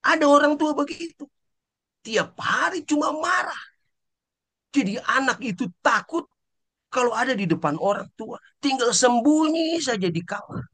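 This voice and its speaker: A man preaching a sermon as pastor who often addresses the congregation directly and acts out scolding parents in quoted asides, going from low, soft passages to sudden shouts. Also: expressive, a little slow.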